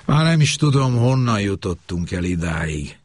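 A man's voice: on the low side, sing-song, dry recording, clean studio sound. A man voicing an exasperated middle-aged wife who gives orders. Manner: exasperated, commanding. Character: middle-aged wife, fed up, sharp-tongued.

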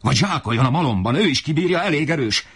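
A man voicing an enraged, desperate poor father who shouts in fury. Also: on the low side, sing-song, husky, pitched above the performer's own voice, exaggerated voice. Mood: raging. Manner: shouting, raging.

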